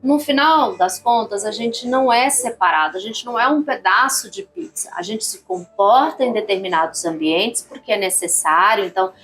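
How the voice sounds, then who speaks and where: A woman hosting a conversational interview, lively and chatty, inviting viewers in. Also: medium pitch, moderate pace, hardly any pauses, soft background music. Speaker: host.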